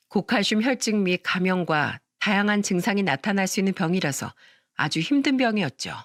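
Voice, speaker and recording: A woman's voice: mid-range voice, dry recording, studio quality. A woman telling a scripted story in the first person, in a plain storytelling way. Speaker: story narrator. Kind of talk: scripted narration.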